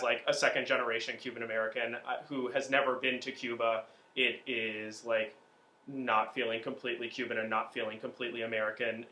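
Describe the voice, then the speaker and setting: Young guy from miami chatting in an interview, lots of um and like, bright voice. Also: medium pitch, echoey room. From Miami, Florida. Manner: reflective, loose, many fillers and restarts. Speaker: theatre student and singer-songwriter. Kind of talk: casual sit-down interview.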